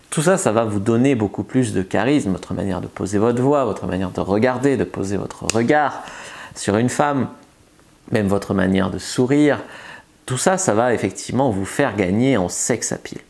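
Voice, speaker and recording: Casual and chatty, a male seduction coach talks advice to camera in a gravelly, darkish, medium-pitched voice. He restarts often and uses plenty of filler words.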